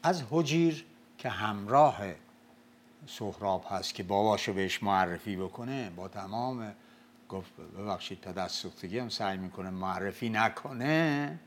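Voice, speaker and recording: Older man, low voice, storytelling talk, recites verse slowly, faint background hiss. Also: expressive. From Mazandaran, Iran. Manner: recites verse slowly and loudly, then explains in plain talk. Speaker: storyteller discussing the Shahnameh. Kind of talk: casual lecture-style talk.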